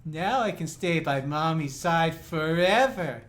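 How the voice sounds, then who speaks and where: A streamer putting on a sad, eerily calm child. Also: mid-range voice, slow pace, pitched above the performer's own voice. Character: sad child who feels hated by mother. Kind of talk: reading a diary entry aloud in character.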